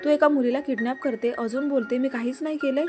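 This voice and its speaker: An angry young husband who scolds everyone sharply, read by a woman storyteller. The voice sits a little high, with music playing along underneath. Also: steady tone, fast, close to an everyday voice. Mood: stern. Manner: stern, scolding. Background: background music.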